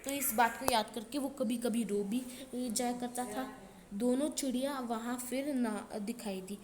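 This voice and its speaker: A woman teacher reading a textbook story aloud and retelling each line in simpler words. She pauses often with filler sounds. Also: on the high side, darkish tone, reverberant.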